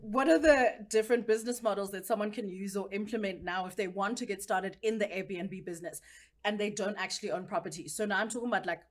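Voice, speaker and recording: A woman's voice: medium pitch, fast talker. A woman hosting a podcast interview, pressing her guest with teasing follow-up questions. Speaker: podcast host.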